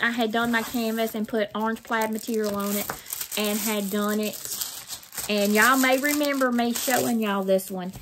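With a fairly high voice and a Mississippi Southern drawl, this middle-aged woman from Mississippi shows off craft buys in a relaxed unboxing video, wandering and repeating herself in a homey way. The small, plain room she records in is noisy, and plastic crinkles throughout.

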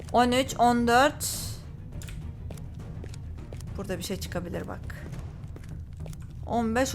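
A woman hosting a gaming channel, giving jumpy, frightened commentary on a horror game and reading its notes aloud to viewers. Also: a little high.

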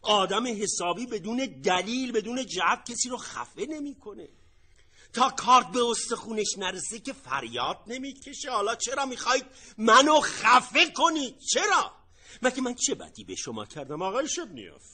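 Radio drama swindler, high bright voice, desperate, pleading, indignant. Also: male voice, very animated, heavily acted. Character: desperate smooth-talking male swindler, indignant. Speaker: indebted gentleman pleading with a creditor.

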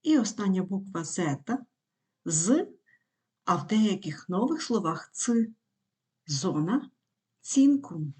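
A woman teaching pronunciation rules, explaining each rule and reading example words one by one in a clear, careful way. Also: medium pitch, sing-song, dark tone. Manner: reads word lists slowly and clearly, one word at a time.

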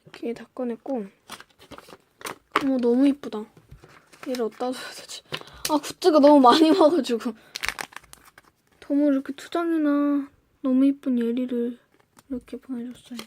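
A woman's voice: high voice, moderate pace, long pauses, noisy background. A young woman chatting casually through an unboxing review, gushing and gasping, sometimes dropping to a whisper. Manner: excitable, gushing, often gasps and drops to a whisper. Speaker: fan vlogger reviewing merchandise.

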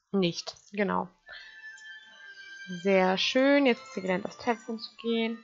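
A woman's voice: medium pitch, slow, vocal fry, muffled recording, faint music behind. A woman giving casual let's play commentary, chatting to her game characters and to her viewers.

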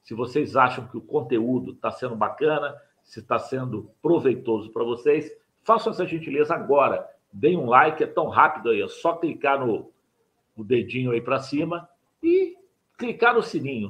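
A man's voice: medium pitch, lively intonation, normal speed, fairly bright tone. An older man teaching writing in a live online mini-lesson, explaining his points step by step and repeating them, recorded through a webcam in a home study. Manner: didactic, repeats key points, asks viewers to like and subscribe.

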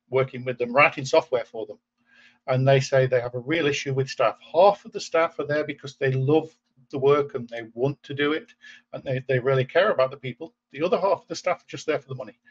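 A man's voice: medium pitch, breathy edge. A man in his forties from England, hosting a casual video-call interview and musing thoughtfully, often restarting phrases. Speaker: host. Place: indoor room at home. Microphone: webcam video call. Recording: muffled lo-fi video-call audio.

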